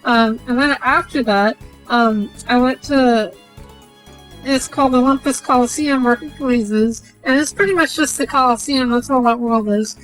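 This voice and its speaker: A young woman streamer with a high voice, rambling through a game recap full of swearing and filler words. Faint music plays under her talk. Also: normal speed, poor audio. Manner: profane, rambling, many fillers.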